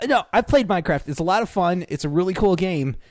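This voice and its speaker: A man's voice: sits high, lively intonation, quick pace, darkish tone, studio quality. A man hosting a casual chat, laughing often and echoing guests' words back as questions. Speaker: host.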